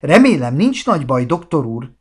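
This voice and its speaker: A man's voice: on the high side, big pitch swings, husky. A man voicing a fussy vampire mother in a storybook, worried and scolding. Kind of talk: storybook character voice.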